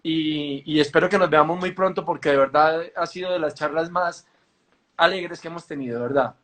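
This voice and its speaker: Guy interviewer on a casual live chat, fairly high voice, stumbles and repeats words. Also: normal speed, fairly bright tone. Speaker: interviewer and host.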